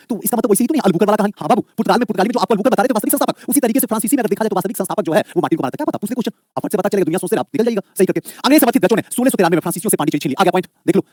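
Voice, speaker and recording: A high-pitched man leads a live online exam-prep history lecture with speed and energy. He coaxes his students, calls them "babu," and keeps repeating questions only to answer them himself. The audio is studio quality with no echo.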